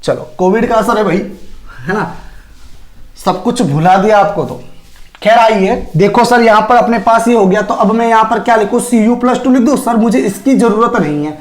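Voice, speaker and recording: A man lectures on chemistry in a fairly high voice. He keeps firing questions at his students and answering them himself, with everyday comparisons. The sound is roomy and echoey. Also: normal speed. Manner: homely Hindi analogies, calls students sir. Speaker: chemistry teacher. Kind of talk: classroom lecture. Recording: echoey room.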